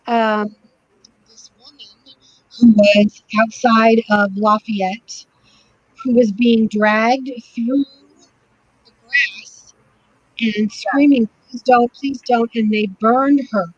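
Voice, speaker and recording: A woman's voice: fairly high pitch, slow pace, long pauses, no room sound, highs cut off. A woman casually retelling a TV episode over an online call, her audio glitching and cutting in and out. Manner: lively storytelling, acts out quoted lines. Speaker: podcast co-host. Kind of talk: casual chat recapping a TV episode. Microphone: remote call connection.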